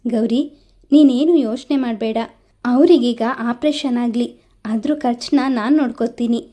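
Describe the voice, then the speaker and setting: Woman doing caring elder-sister type, earnest, reproachful, high mellow voice, storybook. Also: moderate pace, natural voice. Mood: reassuring. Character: kind caring woman, elder-sister figure, gently scolding.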